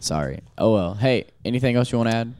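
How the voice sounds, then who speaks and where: A teenage boy hosting a school news show, reading announcements with a booming, stadium-announcer delivery. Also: expressive, fast. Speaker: student news host.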